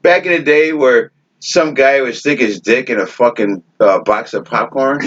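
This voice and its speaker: A man's voice: medium pitch, moderate pace, fairly bright tone. A man co-hosting a podcast, telling a story in casual chat, profane and often laughing. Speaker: podcast co-host. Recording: dull lo-fi podcast audio.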